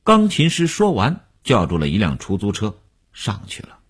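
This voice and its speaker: A man narrating a novel as a radio serial reader and announcer, with a measured storytelling delivery. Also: lowish voice, wildly swooping pitch, husky.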